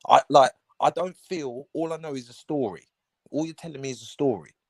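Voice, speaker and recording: A man's voice: mid-range voice, fairly quick, no echo, clean studio sound. A man arguing in a casual chat, slangy and emphatic.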